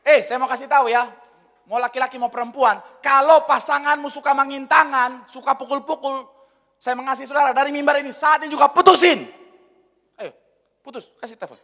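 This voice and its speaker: A man preaching a lively, humorous sermon from the pulpit, acting out little scenes as he goes. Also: very high voice, brisk, big-room sound. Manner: animated, joking, acts out little scenes. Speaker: pastor. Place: church hall.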